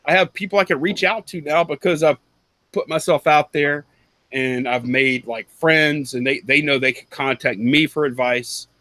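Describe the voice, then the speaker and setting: A man in his thirties talks through a headset on a video call from a cluttered room at home. His voice sits a touch high, with a dry, close sound and no room echo. He rambles, restarts his sentences and laughs often as he gives advice. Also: moderate pace, sharp tone. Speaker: panelist, reseller. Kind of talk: casual video call chat.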